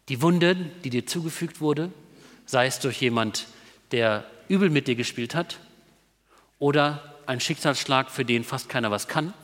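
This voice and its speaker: A man's voice: fairly high pitch, a bit bright. A man preaching a sermon in a conversational way, often checking in with his listeners through little tag questions. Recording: long reverb of a large hall.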